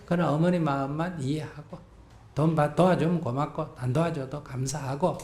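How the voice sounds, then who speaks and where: A man, a Buddhist monk, giving blunt advice at a live question-and-answer talk, acting out the lines people should say. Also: normal speed. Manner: blunt, animated, acts out dialogue with rising pitch. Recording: echoey hall.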